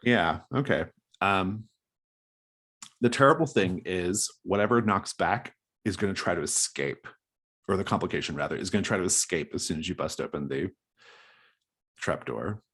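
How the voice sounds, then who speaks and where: Male game master, deep and slightly husky, improvising tabletop narration in a halting, thoughtful flow. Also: a bit bright. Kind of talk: running a tabletop role-playing game.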